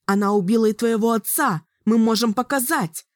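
A woman's voice: on the high side, moderate pace, no echo, studio quality, voice pushed up, close to an everyday voice. A woman voicing an adult heroine who pleads urgently in an audiobook. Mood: urgent pleading. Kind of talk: audiobook character voice.

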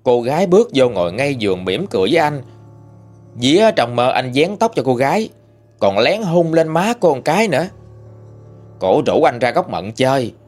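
A man with a Southern Vietnamese accent tells a ghost story in a folksy, homespun manner. His voice sits mid-range but swings up and down with lively expression. Faint music plays underneath. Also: normal speed. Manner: folksy, animated retelling with lively pitch swings.

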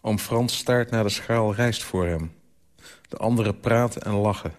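An author reading his own literary story aloud for radio, in a calm, measured way. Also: fairly low pitch.

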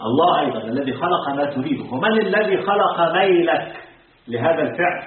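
Fast-talking sheikh in an echoey hall. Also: male voice, fairly high pitch, animated. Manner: asks the class questions and drops into colloquial asides; slows to a deliberate pace when reciting the text. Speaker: sheikh teaching creed. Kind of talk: religious lesson to a class. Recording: distant, phone-like, echoey hall.

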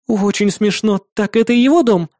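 A man voicing an excitable, anxious young woman, a police partner in an audiobook, with shrill, pleading outbursts. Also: a little fast, dry recording, studio quality, close to an everyday voice. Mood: sarcastic.

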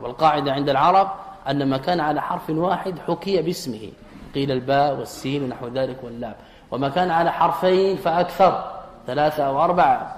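A man gives a grammar lesson in a slightly raised voice. He poses questions to the class and answers them himself, and he repeats his key phrases. The recording is roomy, with a long hall reverb trailing each phrase. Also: a little high. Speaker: teacher of Arabic grammar. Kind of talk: classroom lecture.

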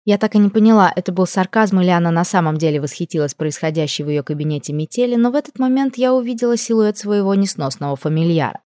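Low-voiced woman narrating a fantasy audiobook. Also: fast, hardly any pauses, no room sound, studio quality. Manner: lively, expressive storytelling.

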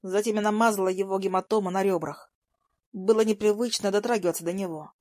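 Young woman reading a story out loud, soft and even, mid pitch, dry close mic. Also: quick pace, no echo. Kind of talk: first-person audiobook narration.

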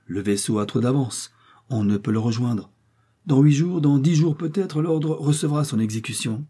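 A man's voice: medium pitch, moderate pace, warm tone, husky, voice pushed up, close to an everyday voice. A man voicing a vindictive revolutionary official who speaks in a dry, incisive, self-righteous way. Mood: cold.

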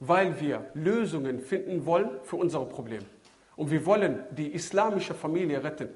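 A man giving a sermon to a seated audience, swinging from loud exclamations to low murmured phrases. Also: lively intonation, normal speed. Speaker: preacher. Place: lecture hall with seated audience.

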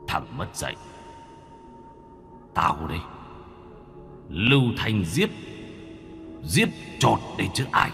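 A man's voice: takes it slowly, vocal fry, long pauses, big-room sound, music in the background, heavily acted. A man voicing a growling one-eyed ghost. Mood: snarling. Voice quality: deep, booming, hushed growl.

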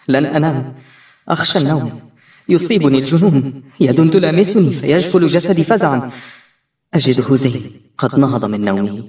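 Man narrating an audiobook dramatically. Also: mid-range voice. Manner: expressive, tense first-person narration. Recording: roomy, distant-miked recording.

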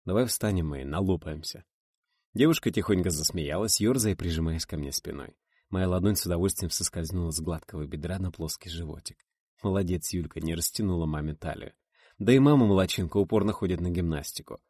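A man reading a first-person novel aloud as an audiobook narrator, measured and expressive. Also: low-pitched, husky, no room sound, clean studio sound.

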